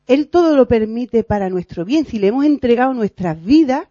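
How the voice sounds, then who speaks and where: A woman preaches informally to her fellow believers. Her voice is mellow and warm, and her delivery is earnest and lively. The recording is dry and slightly dull, like a low-fi capture. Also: normal speed, no room sound. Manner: earnest and animated, acts out quoted voices, laughs at herself. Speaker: lay preacher in a prayer meeting. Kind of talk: informal sermon.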